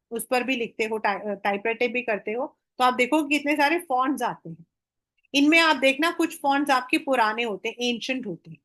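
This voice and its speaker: A woman's voice: high-pitched, a bit bright. A woman teacher with an Indian accent giving a history lesson, moving between Hindi and English and drawing out the English phrases. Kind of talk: exam-prep history lesson.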